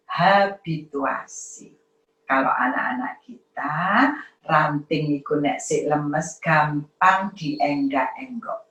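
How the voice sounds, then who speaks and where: A middle-aged woman giving a lively parenting talk, acting out parents and children in high voices. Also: echoey room, distant mic, low-quality recording. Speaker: parenting seminar speaker.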